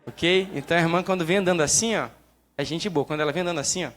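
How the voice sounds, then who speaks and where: A young man with a Brazilian Portuguese accent giving a lively, joking sermon talk at church. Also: fairly high pitch, rapid-fire. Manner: lively, jokes and acts out quoted prayers. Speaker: church speaker.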